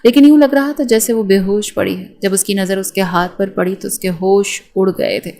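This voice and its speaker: A woman narrating a romantic audio novel in a steady storytelling manner. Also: medium pitch.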